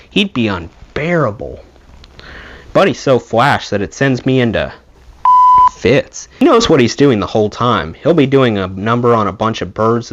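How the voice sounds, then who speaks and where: A man who hosts a channel reads a memoir aloud as an audiobook narrator. His pitch rises and falls lively, making the storytelling expressive and animated.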